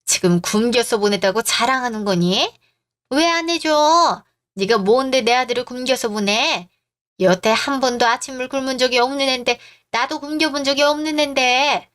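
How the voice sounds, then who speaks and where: A woman's voice: a little high, moderate pace, fairly bright tone, lightly acted. A woman voicing a bossy, indignant middle-aged mother-in-law who scolds and gives orders, in a storybook reading. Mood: demanding.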